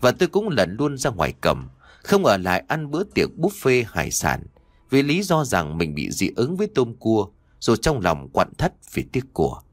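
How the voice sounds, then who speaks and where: A man reading a horror story aloud with very animated, swooping intonation. The sound is dry and close, with no room echo. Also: mid-range voice, moderate pace. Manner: expressive storytelling. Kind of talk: scripted horror story narration.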